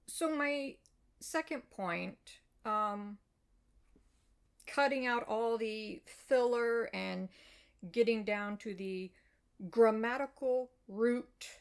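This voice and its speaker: Slow, gravelly American woman explaining. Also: medium pitch. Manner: measured, explanatory, with frequent fillers. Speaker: web fiction author. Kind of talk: reply video addressing a reader's comment.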